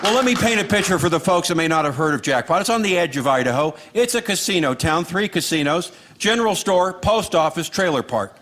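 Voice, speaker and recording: A man's voice: fairly high pitch, expressive, a little fast, hardly any pauses, fairly bright tone, some chatter behind, slight background noise. An American man from Los Angeles doing a stand-up comedy routine with a sarcastic, dry lilt, recorded live in front of an audience. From Los Angeles, United States. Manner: sarcastic, dry lilting delivery of punchlines. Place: live stage before a laughing audience.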